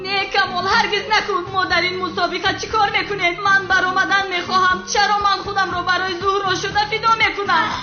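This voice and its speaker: A woman's voice: very high-pitched, little pitch movement, few pauses. A woman voicing a clingy young woman who dramatically begs her sweetheart in a comic dub. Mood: protesting. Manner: pleading, dramatic. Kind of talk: comic dubbed dialogue. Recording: echoey, dull dub with music.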